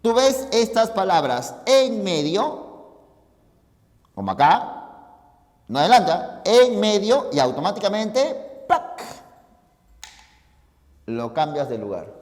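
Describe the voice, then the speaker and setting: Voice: mid-range voice, big pitch swings, slow, pauses often, darkish tone, in a large hall. A teacher giving a logic lesson, explaining each step and often checking that the students follow. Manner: addresses listeners informally, pointing at the board.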